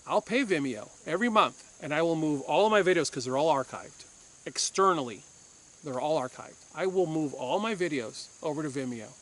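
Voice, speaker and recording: A man's voice: fairly high pitch, lively intonation, brisk, a bit bright. A man from Puerto Rico, a former police officer, hosting a firearms channel and giving an insistent opinion monologue to camera, repeating his points for force.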